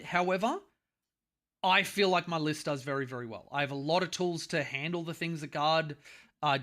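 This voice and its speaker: Animated Australian man hosting a podcast. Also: fairly high pitch. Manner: animated, swears casually. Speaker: podcast host. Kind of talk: casual gaming podcast chat.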